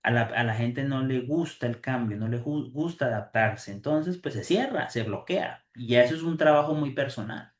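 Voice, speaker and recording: Male host, motivational speaker, preachy and emphatic, mid-pitched, roomy echo. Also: normal speed, few pauses. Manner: emphatic, preachy, with frequent fillers and restarts. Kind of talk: motivational talk to viewers.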